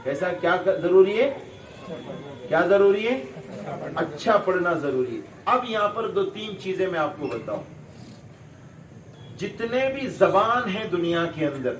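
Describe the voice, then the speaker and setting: A man's voice: high voice, slight background noise. A man from Kerala, speaking to parents as a visiting Islamic scholar. He asks rhetorical questions, answers them himself, and repeats sounds to drill pronunciation. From Kerala, India. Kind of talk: speech to parents. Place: madrasa hall. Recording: echoey hall from far off.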